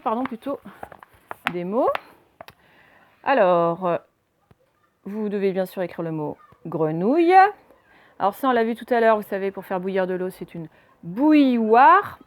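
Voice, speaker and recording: A woman's voice: mid-range voice, darkish tone. A woman teaching a spelling lesson to children, patiently spelling out words letter by letter.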